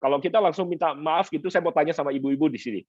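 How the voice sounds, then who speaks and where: A male pastor teaching a conference session, lively and animated, mixing in English words and acting out quoted couples. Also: very fast, husky, no echo, muffled recording. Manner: lively, acts out quoted couples in higher voices; mixes English words into speech. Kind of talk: seminar teaching talk. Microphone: conference stream.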